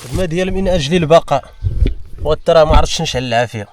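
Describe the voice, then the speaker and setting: A man's voice: on the high side, racing. A young man with a Moroccan accent chatting casually to camera as a vlogger. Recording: clearly noisy outdoor recording.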